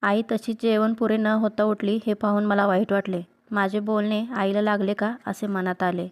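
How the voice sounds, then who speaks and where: A woman reading a story aloud in a steady, even storybook manner. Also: mid-range voice, normal speed. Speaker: reader.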